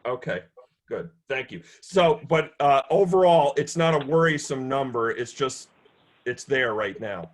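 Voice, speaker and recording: A man chairing a town board of finance meeting over a video call, speaking in a measured, steady way with frequent fillers. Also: medium pitch, low-quality recording. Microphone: computer mic on a video call.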